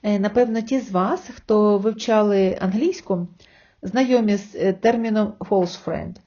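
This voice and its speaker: A woman teaches an online language lesson, patiently explaining step by step and slowing down to sound out example words. Her mid-range voice is mellow, and the sound is lo-fi.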